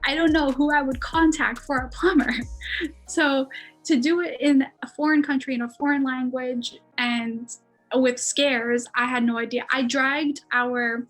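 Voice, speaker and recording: A woman's voice: sits high, steady tone, measured pace, a bit bright, faint music behind. A young American woman in her twenties, a podcast guest telling a story in a casual, chatty way with lots of fillers and frequent laughs. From United States.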